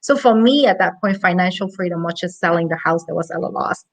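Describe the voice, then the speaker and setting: A woman's voice: fairly low pitch, quick pace, low-quality recording. A woman in her thirties from Hong Kong, a money coach telling her story as an interview guest in an earnest, chatty way. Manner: earnest, chatty, with light laughs.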